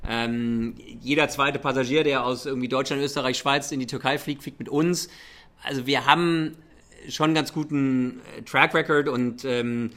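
A man's voice: medium pitch, fairly even intonation, normal speed, fairly bright tone. Man with a slight American accent in German. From Germany and the United States. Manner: hesitant, mixing English business terms into German. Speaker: airline chief executive. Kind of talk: conversational interview answers.

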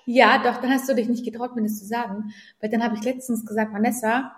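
A woman's voice: fairly high pitch, level tone, quick pace. A woman in casual chat, talking in a direct, teasing way. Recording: roomy echo.

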